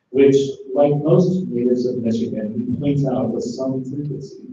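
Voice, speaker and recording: A man's voice: medium pitch, lo-fi sound. Man giving a formal courtroom tribute. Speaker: attorney moving an admission. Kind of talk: formal ceremony speech. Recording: echoey hall, far from mic, noisy.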